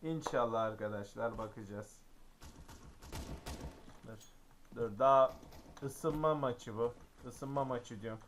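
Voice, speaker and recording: A man commentating his own gameplay, excitable and frequently exclaiming and grumbling at the game. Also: mid-range voice, takes it slowly, pauses often, slight background noise. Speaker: gaming YouTuber.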